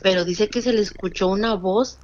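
A woman's voice: medium pitch, a little fast, lo-fi sound, slight background noise. A woman with a Mexican Spanish accent telling a true scary story in casual conversation, acting out the voices of the people in it. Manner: animated retelling with quoted dialogue.

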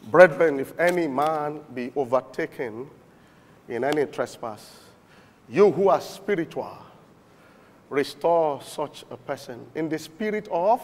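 A man preaching a sermon, swinging from shouted points to murmured asides. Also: on the high side, lively intonation, a little slow, big-room sound. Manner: emphatic, swings between shouting and murmuring, chuckles often.

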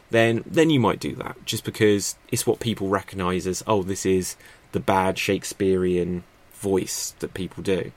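A man hosting a podcast, explaining improv stagecraft in a chatty, off-the-cuff way. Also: fairly low pitch. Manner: chatty, thinks aloud with fillers and restarts. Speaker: podcast host teaching improv. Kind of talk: unscripted instructional talk. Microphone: podcast microphone.

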